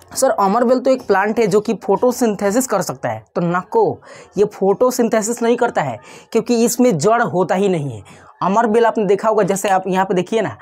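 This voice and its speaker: A woman's voice: mid-range voice, darkish tone. Woman teaching a science class. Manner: conversational, poses and answers its own questions, checks in with "ठीक है" often. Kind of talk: explanatory online class lecture.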